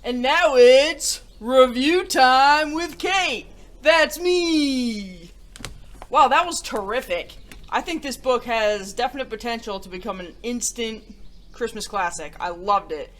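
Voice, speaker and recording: This woman's voice is on the high side and her pace is slow, with a little hiss or hum in the audio. She's hosting a kids' story-time show, reading picture books aloud and reviewing them in an upbeat, dramatic presenter style.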